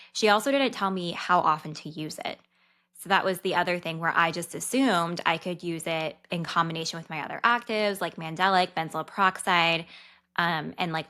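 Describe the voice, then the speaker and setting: A woman in her thirties, a dietitian who hosts a podcast, talks fast and candidly about something that happened to her, keeping it chatty. Her voice sits fairly low with a reasonably bright tone.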